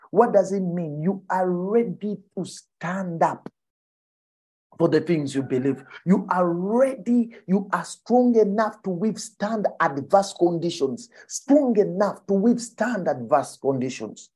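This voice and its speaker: A woman preaching a sermon in a low, husky voice. She talks slowly and emphatically, repeats her points and keeps asking the congregation whether they are following her. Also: mellow. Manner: repeats lines, checks in with the congregation; emphatic exhorting.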